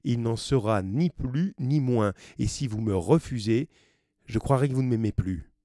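A man's voice: mid-range voice, normal speed, dark tone, no room sound, studio quality, lightly acted. A man reading the part of a determined, devoted young woman in a novel, with firm, pleading lines.

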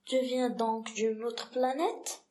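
A woman reading a slow, patient grown-up pilot. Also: a little high, steady tone. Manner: patient, gentle, unhurried replies. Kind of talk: read-aloud storybook dialogue.

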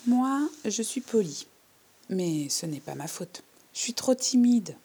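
A bashful, painfully polite little girl tells her tale in a hushed storybook voice, as a woman reads it. Her tone is husky and slightly gravelly, with a dark, mellow edge. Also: mid-range voice, animated, slow, full character voice. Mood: earnest. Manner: timid, hushed storytelling in first person. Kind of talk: storybook reading.

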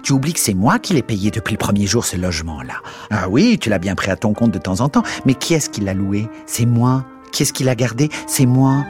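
A man reading aloud, voicing a furious, betrayed woman who hurls shrill accusations at her lover. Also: natural voice. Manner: shrill accusing outbursts, fast and raised.

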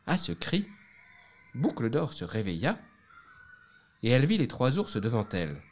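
Un homme qui lit un conte de fées à voix haute, avec des accents appuyés et traînants. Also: male voice, mid-range voice. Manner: expressive, drawn-out emphasis. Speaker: storyteller. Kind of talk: reading a fairy tale aloud.

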